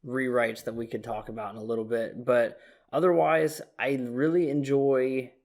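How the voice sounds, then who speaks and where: A man co-hosting a casual movie review podcast in a middle-pitched voice. He speaks reflectively and agreeably, working through his opinions with a relaxed "you know" here and there. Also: moderate pace. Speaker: podcast co-host.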